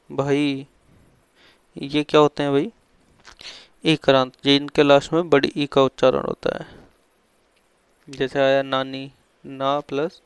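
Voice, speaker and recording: A man's voice: a little high, vocal fry, clean tone, no room sound. A man teaching a lesson, asking questions and answering them himself, with frequent fillers and drilled repetition of key terms. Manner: repeats and stresses key terms like a classroom drill. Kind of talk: explaining a lesson on Hindi vowel endings.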